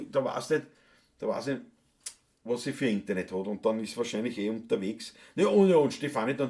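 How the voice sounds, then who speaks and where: A man with a Viennese accent, chatting casually and gruffly on a solo live stream, joking and cursing between songs. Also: medium pitch, a little mellow. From Austria. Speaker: solo livestream musician. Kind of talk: casual live-stream chat with Wienerlied singing. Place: home, indoors.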